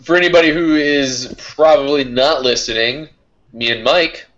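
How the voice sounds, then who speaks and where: A man co-hosting a casual gaming podcast, telling animated stories and acting out quotes. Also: fairly high pitch, moderate pace, highs cut off. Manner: animated storyteller, acts out quotes. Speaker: podcast co-host.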